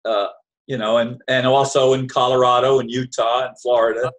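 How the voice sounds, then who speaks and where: A man from New Jersey hosting a casual chat, speaking in short, measured remarks. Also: medium pitch, flat delivery.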